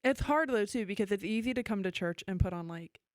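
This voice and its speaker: A woman co-hosting a church podcast, agreeable and thoughtful, with a gravelly fry in her voice. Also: mid-range voice, expressive, no room sound, studio quality. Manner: agreeable, lots of quick yeahs, thoughtful when she talks longer. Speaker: podcast co-host.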